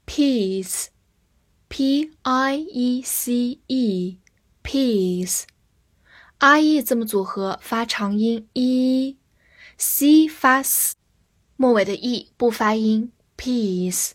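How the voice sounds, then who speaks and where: A woman teaching English vocabulary in a scripted lesson, speaking slowly and clearly and spelling out each word letter by letter. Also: fairly high pitch.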